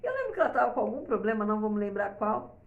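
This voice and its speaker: A middle-aged woman and mother giving parenting advice in a casual, rambling talk to camera, full of fillers and tag questions, often pushing her voice up high for emphasis. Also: big pitch swings, rapid-fire, gravelly, echoey room, phone-quality sound.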